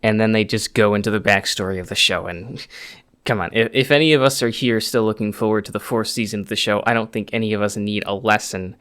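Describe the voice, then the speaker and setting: Slightly slurred, low-voiced rambling man. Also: steady tone, brisk, fairly bright tone, smooth. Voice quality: slightly slurred speech after wisdom tooth removal. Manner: rambling, conversational. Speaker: YouTube host giving TV show news. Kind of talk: unscripted news update to camera.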